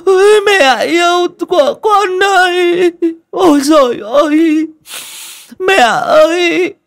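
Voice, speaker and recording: A callous daughter-in-law putting on drawn-out, theatrical wails. Her sobbing cries sit very high and loud, every syllable stretched out. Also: vocal fry, exaggerated voice. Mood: theatrical wailing.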